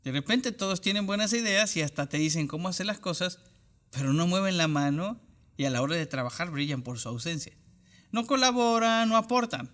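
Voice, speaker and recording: A man's voice: high voice, lively intonation, fairly quick, a bit bright. A male pastor preaching an online church sermon, emphatic, speaking straight to the listener in repeated parallel phrases.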